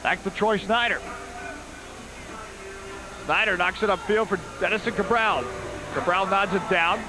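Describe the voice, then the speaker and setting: A man's voice: high voice, low-quality recording. A man calling live play-by-play commentary on an indoor soccer broadcast. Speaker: play-by-play sports announcer.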